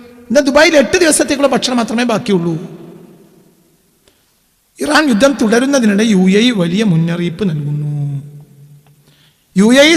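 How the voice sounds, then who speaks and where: A man preaches in a strikingly high voice, posing questions to his listeners and answering them himself. He reads news reports aloud and explains them in an animated way. His voice carries a long reverb, as if recorded in a large hall. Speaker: Islamic preacher. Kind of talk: sermon-style talk on current events.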